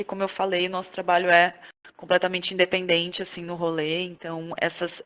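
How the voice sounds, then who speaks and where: Speaking on the low side with a fairly bright tone, a Brazilian Portuguese-accented woman gushes informally during a casual interview. She's appearing as a podcast guest and works as a playwright, actress and director.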